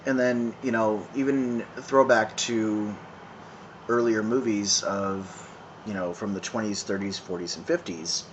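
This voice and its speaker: A man in his thirties talking casually to a phone camera outdoors, smoking, with many pauses and restarts. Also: fairly low pitch, fairly even intonation, lo-fi sound. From San Francisco, California. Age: 30s. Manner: halting, many ums and restarts, conversational. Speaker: vlogger. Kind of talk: casual rambling monologue. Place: outdoors in town, evening. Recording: phone video with clear background noise.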